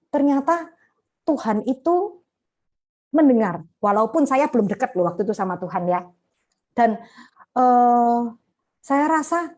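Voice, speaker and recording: A woman's voice: sits high, a little mellow. A middle-aged woman sharing a personal faith testimony in a church talk, earnest and conversational with frequent fillers. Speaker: women's ministry speaker.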